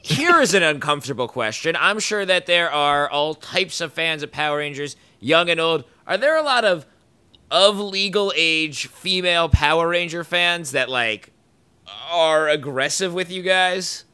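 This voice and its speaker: A man's voice: on the high side, animated, measured pace, pushed and bright, clear, resonant tone, no room sound. A man hosting a podcast, asking questions in a curious, dry way. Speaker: podcast host. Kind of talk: podcast interview.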